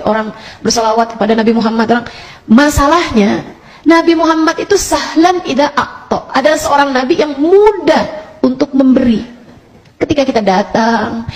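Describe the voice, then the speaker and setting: A woman's voice: on the high side, a little mellow, low-quality recording. A woman preacher, telling a story in a sermon and acting out the quoted dialogue. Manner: retells a story with quoted dialogue, addresses listeners directly.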